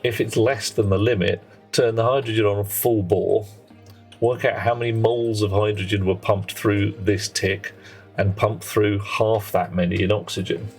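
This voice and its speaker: During a live game stream, a man offers casual commentary, wandering in his chat with viewers and correcting himself mid-sentence. His voice is on the low side and a little mellow, with fairly even intonation and a moderate pace, while faint music plays and a child plays nearby.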